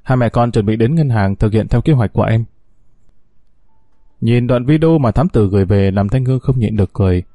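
A man narrating a story in a steady storytelling delivery. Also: medium pitch, a little fast, dry recording, clean studio sound.

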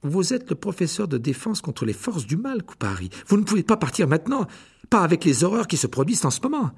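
A man's voice: fairly high pitch, huge pitch swings, a little fast, vocal fry, a little mellow, breathy edge, pitched above the performer's own voice, heavily acted. A man voicing an indignant young schoolboy wizard in a storybook reading, earnest and accusing.

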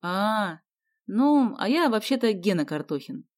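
A woman's voice: medium pitch, very animated, unhurried. A woman voicing a nerdy teenage boy who talks casually and offhandedly. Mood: offhand.

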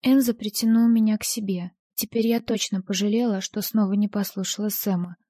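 A woman's voice: medium pitch, steady tone, fairly quick, dark tone, no echo, clean studio sound. A woman narrating a first-person audiobook story in a tense, dramatic way.

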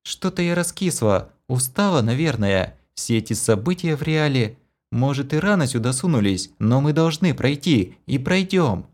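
A man's voice: mid-range voice, animated, moderate pace, voice pushed up, lightly acted. A man voicing a tearful young woman paladin in an audiobook. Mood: soft resolve. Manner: sobbing, pleading.

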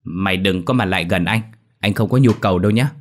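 A man voicing a gruff young husband who scolds and teases his younger brother. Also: sits low, quick pace, lightly acted. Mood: scolding. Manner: scolding, teasing. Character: gruff mocking older brother.

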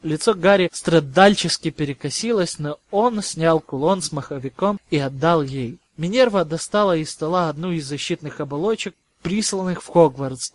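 A man narrating a novel as an audiobook, with even, measured storytelling. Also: a little high, dry recording.

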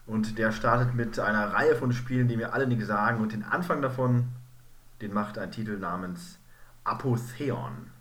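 Low, bright-voiced man with dry irony. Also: moderate pace. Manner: dry, ironic banter. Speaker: podcast co-host. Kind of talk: casual game podcast chat. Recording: echoey room, faint background hiss.

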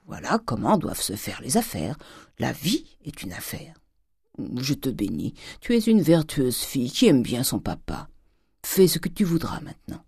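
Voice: huge pitch swings, normal speed, darkish tone, slightly rough, dry recording, studio quality, full character voice. A reader voicing a cunning, miserly old father who wheedles, stammers and drops into whispers. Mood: triumphant. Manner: wheedling, stammering, with sudden whispers and high jumps.

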